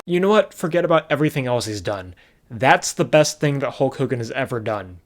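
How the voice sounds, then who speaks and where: A man's voice: mid-range voice, expressive, a little fast, faint music behind. A young man hosting a scripted comedy movie recap, dry and sarcastic. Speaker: movie reviewer and host.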